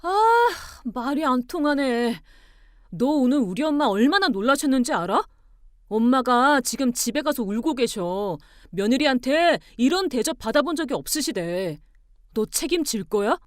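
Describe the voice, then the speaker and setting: A woman voicing an angry young husband who shouts and bullies his wife. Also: fairly high pitch, lively intonation, moderate pace, hardly any pauses, no room sound, clean studio sound, close to an everyday voice. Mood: angry shouting. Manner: shouting, indignant, stammering when cornered.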